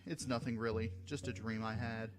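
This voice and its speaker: Guy doing a quiet on-edge lieutenant, low-key. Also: steady tone, normal speed, over music, close to an everyday voice. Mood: guarded. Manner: soft, guarded. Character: nervous lieutenant, man, reserved.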